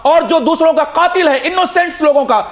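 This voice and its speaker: A man's voice: extremely high pitch, brisk. A man speaking as a panelist in a heated TV news debate, delivering his points in an impassioned, declamatory way.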